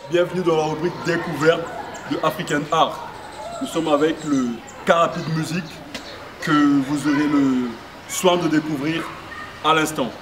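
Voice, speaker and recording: Man interviewer recorded from a distance. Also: a little high. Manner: stumbling, restarts questions. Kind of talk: casual interview. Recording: distant mic with noisy ambience.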